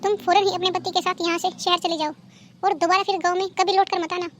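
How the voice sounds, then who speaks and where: A woman voicing a stern, sharp-tongued village mother-in-law in a cartoon. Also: extremely high pitch, little pitch movement, fast talker, a little hiss or hum. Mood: scolding. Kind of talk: cartoon dubbing.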